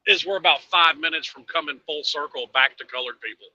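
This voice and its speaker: A man's voice: fairly high pitch, brisk, pushed and bright, no room sound, muffled recording. Blunt man on a patchy video call. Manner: blunt and profane. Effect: video call connection, breaking up. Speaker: panelist on a live show. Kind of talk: casual political chat. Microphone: remote video call.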